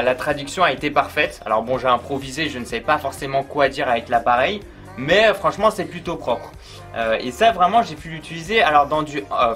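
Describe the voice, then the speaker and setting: A man whose voice is medium in pitch and a little bright gives an easygoing product review. He speaks to the viewer informally, chattering on with many fillers.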